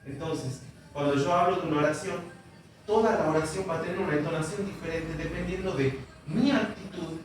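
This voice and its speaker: A man's voice: fairly high pitch, brisk. A male teacher giving a classroom lecture, explaining patiently and often checking in with his students. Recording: echoey room from far off, faint noise.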